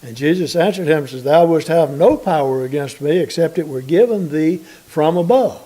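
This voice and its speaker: An American man preaching from the pulpit, his voice a touch high but warm and mellow. He reads scripture aloud and slows down to drive home his points in a measured sermon. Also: animated, rough recording.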